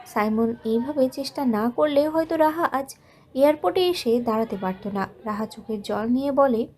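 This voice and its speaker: A woman narrating an audio love story from a script, in a soft, measured and emotional way. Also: sits high, expressive.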